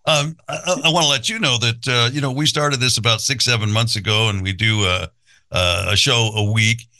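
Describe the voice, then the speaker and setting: A man hosting an interview podcast, speaking haltingly with many fillers and restarts. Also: mid-range voice, sharp tone. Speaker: podcast host. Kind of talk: casual interview.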